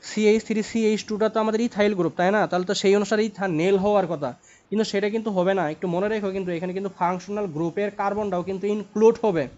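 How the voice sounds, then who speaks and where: A young chemistry tutor lectures at a whiteboard, repeating points and checking in with tag questions. His voice is high and a little mellow, captured in a dull lo-fi recording.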